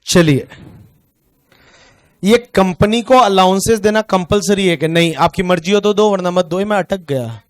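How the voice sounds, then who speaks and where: Man, Indian accent, tax teacher, casual and jokey, slow dictation, high voice. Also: no room sound, clean studio sound. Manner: chatty and joking, then dictates questions slowly. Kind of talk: casual online class lecture.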